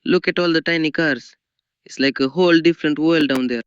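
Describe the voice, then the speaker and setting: A man's voice from a text-to-speech generator reading a sample line in a steady, enthusiastic way. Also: on the high side, fairly quick, clear, resonant tone, no echo, muffled recording.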